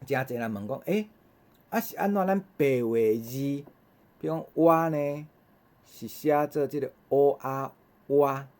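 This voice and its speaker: Man, Taiwanese accent, language teacher, slow steady pace, repeats sounds, "ha" fillers. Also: mid-range voice. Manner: slow, repeats each sound several times in drills; habitual "ha" fillers between drills. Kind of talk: recorded vowel lesson.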